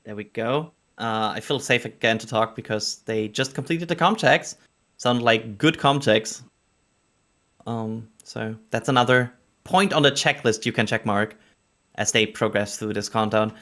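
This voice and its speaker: A man's voice: medium pitch, measured pace, a bit bright. A man hosting a livestream with casual, hesitant live launch commentary. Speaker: livestream host.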